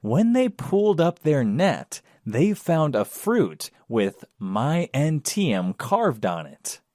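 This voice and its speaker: A man reads a children's storybook in a slow, measured way, his voice sing-song and a little mellow, with pitch that swings widely. There's no echo; the sound is dry and roomless.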